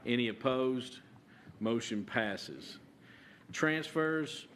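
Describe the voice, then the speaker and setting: A man chairing a county court meeting as judge, halting with many fillers and restarts. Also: mid-range voice, expressive, fairly bright tone, slight background noise.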